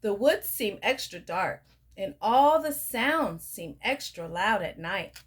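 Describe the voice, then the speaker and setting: A young woman reading a picture book aloud to children, sing-song and pausing to ask the listener questions. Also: mid-range voice, lively intonation, slightly rough. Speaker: storyteller.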